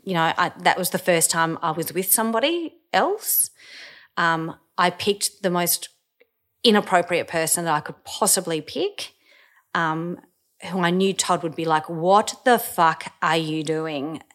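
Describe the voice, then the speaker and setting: A woman's voice: on the low side, expressive, unhurried, fairly bright tone. A woman, candidly telling a personal story with casual swearing and fillers.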